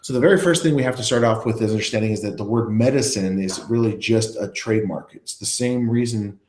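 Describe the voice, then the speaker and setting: Guy running a live web presentation, kinda low voice, lots of ums and restarts, echoey room. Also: darkish tone. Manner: halting, many fillers and restarts. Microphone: earpiece in, talking to an online audience.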